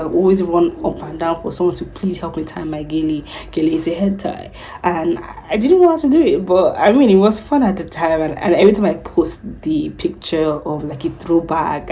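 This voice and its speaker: A young Nigerian woman in her twenties, a news anchor, telling her career story in a chatty, animated vlog. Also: fairly low pitch, vocal fry, a little hiss or hum, poor audio.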